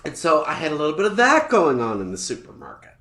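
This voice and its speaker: A woman in her thirties from the United States, a native English speaker, co-hosts a podcast and tells a self-mocking story in casual chat. Her low-pitched voice moves quickly in a reverberant setting, and she's animated, laughing often.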